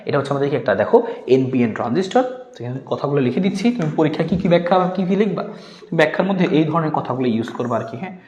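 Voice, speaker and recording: A man's voice: fairly high pitch, animated, rapid-fire, darkish tone, lo-fi sound. A young man with a Bangladeshi Bengali accent teaching a physics exam-prep class in a casual, repetitive way, often checking in with his students. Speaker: physics tutor. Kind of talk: online exam-prep lecture. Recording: echoey room with long reverb.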